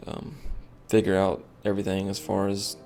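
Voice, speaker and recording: A man's voice: sits low, monotone, moderate pace, a little mellow, faint music behind. A tired man streaming a game, rambling and thinking aloud with lots of fillers as he comments casually.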